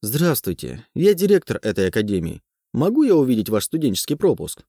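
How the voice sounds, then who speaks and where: A man voicing a polite, measured woman academy director in an audiobook. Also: medium pitch, huge pitch swings, mellow, husky, no echo, studio quality, exaggerated voice.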